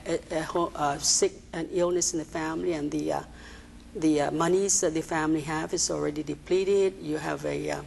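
Woman, low gravelly voice, halting TV interview guest, slight background hiss. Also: rough recording. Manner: hesitant, many fillers and restarts. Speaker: executive director of a social services agency, interview guest. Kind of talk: TV interview answers. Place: TV studio.

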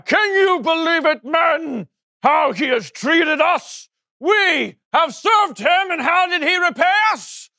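A man's voice: fairly high pitch, creaky, sharp tone, exaggerated voice. A man playing a hot-headed, vengeful warrior leader in a comic children's Bible sketch, with a bombastic, exaggerated delivery. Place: studio with green-screen backdrop.

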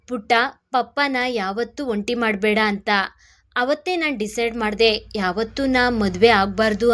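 Heartfelt young student, torn loving daughter, read by a woman narrator; slightly high. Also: natural voice. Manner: emotional, heartfelt pleading.

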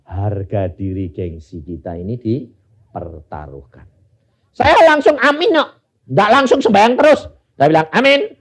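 A male pastor preaching a storytelling sermon, asking the congregation rhetorical questions and moving between loud emphasis and low murmurs. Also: lively intonation, a little slow, husky.

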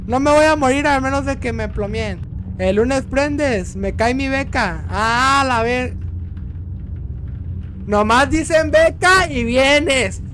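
Young male streamer, Mexican accent, high voice, rude banter, yelps at scares. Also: slow, a little hiss or hum. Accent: Mexican Spanish. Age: young adult. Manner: crude joking, talks back to game characters; yells when startled. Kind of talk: gameplay commentary.

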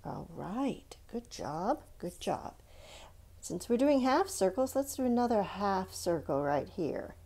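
With a warm, mid-range voice that swings widely in pitch, a woman slowly guides young kids through drawing one step at a time. She keeps her instructions simple and encouraging and checks in with questions often.

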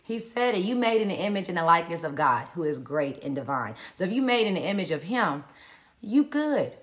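A woman's voice: lowish voice, very animated, fairly quick. A woman hosting a live-stream morning encouragement, colloquial and preacherly as she greets viewers by where they are.

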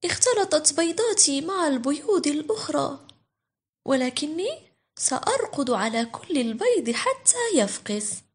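Storybook mother duck played by a woman: tender-hearted, worried, high-pitched, exclaiming with big swings. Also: sing-song, normal speed. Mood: resolute. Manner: dramatic, exclaiming.

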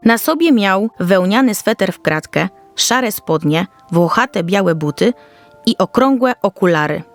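Reading a children's story from a script, the female narrator uses an animated, mid-range voice and a measured pace. The delivery is careful and descriptive, and soft music runs beneath it.

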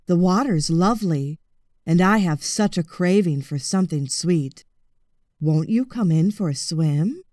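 A storybook crocodile, played by a woman, male and smooth-tongued, with a greedy sweet tooth. He stretches his polite words out slowly, savouring each one, pitched lower than the storyteller's usual voice, in a dry recording. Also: lively intonation, a little mellow, no room sound. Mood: coaxing. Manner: slow, savouring, drawn-out politeness. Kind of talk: children's storybook character.

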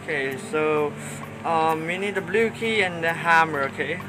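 A man's voice: fairly high pitch, normal speed, rough recording. A young man giving let's-play commentary on a horror game, nervous and panicky, muttering the same worried words again and again. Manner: nervous, panicky, repeats "oh no" over and over. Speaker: gaming YouTuber. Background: game music.

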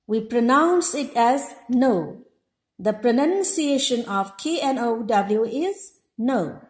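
Slow, high-voiced woman teaching a lesson. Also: expressive, a little mellow. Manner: repeats each example word slowly and explains. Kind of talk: slow, deliberate classroom lesson. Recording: echoey room.

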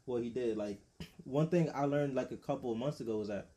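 A man's voice: mid-range voice, a little fast, warm tone. A man hosting a podcast, talking casually in loose slang, often laughing and trailing off mid-thought. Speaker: podcast host. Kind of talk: casual chat.

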